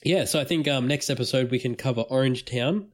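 A man with a mid-pitched voice co-hosting a relaxed podcast chat. He keeps the conversation moving with easy recaps and laughs along with his friends. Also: a little fast. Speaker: podcast co-host. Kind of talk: casual chat.

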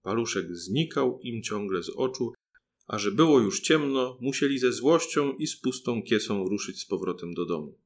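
A man reads a fairy tale aloud for an audiobook. His narration is measured and steady, in a classic storytelling cadence. His pitch sits in the middle range. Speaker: audiobook reader.

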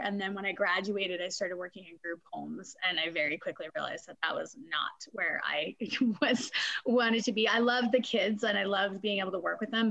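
A woman's voice: medium pitch, creaky, no echo, muffled recording. Chatty Canadian woman guest. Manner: chatty, animated, laughs often. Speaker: guest, fitness testing company and former corrections supervisor. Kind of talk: casual interview storytelling.

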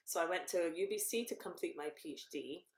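A woman in her fifties speaks in a low, deep register, laying out her research in long explanations. She catches and corrects herself along the way, and the room around her adds a clear echo. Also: a little fast. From Barbados. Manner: explains at length, self-correcting with ums. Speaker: professor and cancer researcher. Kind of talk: guest in a podcast interview. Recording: roomy echo.

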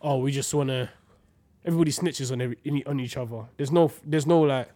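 A man's voice: mid-range voice, quick pace, warm tone, no room sound. A young man with a London roadman accent chatting casually in slang, emphatic and repeating his points.

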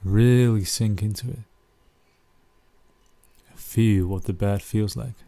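A man with a low, dark voice leads a soothing guided relaxation in the manner of a sleep story narrator. He speaks gently, leaving long pauses between short phrases. The sound is close and dry. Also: fairly even intonation, no echo.

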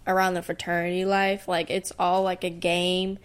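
A woman's voice: lowish voice, little pitch movement, normal speed, clear, resonant tone. Blunt, slangy young woman podcaster. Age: 20s. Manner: blunt, slangy, profane, acts out quotes. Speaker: podcast co-host. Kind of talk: casual anecdotal chat.

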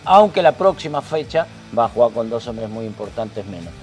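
A man with a Salvadoran accent, a football commentator on a sports talk show, retelling matches play by play with lively sound words. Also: medium pitch, normal speed, soft background music.

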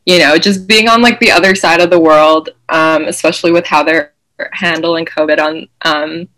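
A young woman from Malaysia speaks as a guest over a video call. Her voice sits lower than most, and she talks hesitantly, pausing on "um" and "you know". The delivery stays casual. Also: steady tone, fairly bright tone, poor audio. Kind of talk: casual chat.

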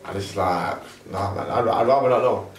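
A man's voice: lowish voice, brisk, slight background noise. Echoey young London roadman chatting. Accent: London roadman, multicultural London English. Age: young adult. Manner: slangy, animated storytelling with quoted asides. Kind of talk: casual chat. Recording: roomy echo, distant from mic.

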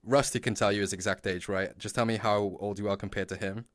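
A man's voice: on the low side, fairly even intonation, quick pace, fairly bright tone, no echo, studio quality. A man in his twenties hosting a podcast in casual chat, laughing often and swearing as he rambles. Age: 20s. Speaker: podcast host.

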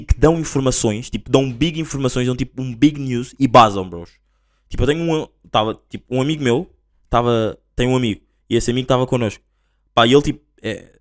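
A young man with a European Portuguese accent talks fast on his solo podcast. He rambles through stories in loose slang, animated and casual, at an ordinary pitch. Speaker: podcast host.

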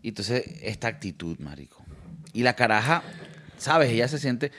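Animated Venezuelan man telling a story. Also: medium pitch, normal speed. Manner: animated, slangy, acts out quoted voices. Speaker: podcast co-host. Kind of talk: casual storytelling chat.

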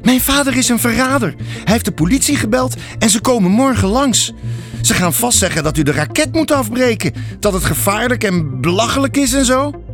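A man voicing a lively, curious young girl in an audiobook fairy tale. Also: high voice, normal speed, faint music behind, voice pushed up. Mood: alarmed.

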